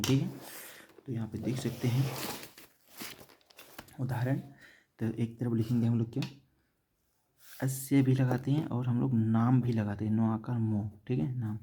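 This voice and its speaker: A man teaching Sanskrit grammar in a classroom-style lesson, repeating each word slowly and asking and answering his own questions. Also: mid-range voice, flat delivery, background noise. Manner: says "theek hai" after nearly every point.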